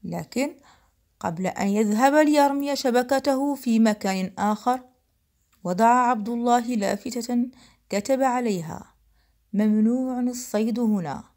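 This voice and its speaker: A woman's voice: fairly high pitch, a little slow, darkish tone. A woman reading a children's story aloud expressively.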